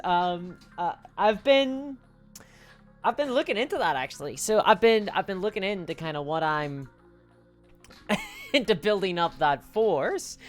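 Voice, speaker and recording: Female streamer with a low voice, casual rambling chat to viewers, faint music underneath. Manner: chatty, reads viewer comments and answers them; rambling, self-mocking. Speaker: live streamer.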